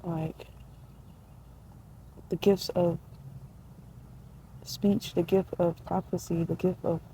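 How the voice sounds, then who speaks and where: Woman, twenties, casual reflective vlog chat, mellow dark tone, slangy and spiritual, outdoors in a tree. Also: fairly low pitch, level tone, slow pace, slight background noise, poor audio. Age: 20s. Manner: laid-back, spiritual, slangy, laughs often. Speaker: vlogger.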